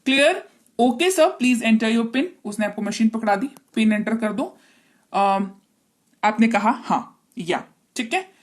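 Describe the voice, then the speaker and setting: Indian woman teacher with a fairly high voice, speaks slowly and keeps checking understanding. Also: lively intonation. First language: Hindi. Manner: acts out dialogue lines slowly. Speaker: English teacher. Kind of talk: bilingual classroom lesson, explaining slowly.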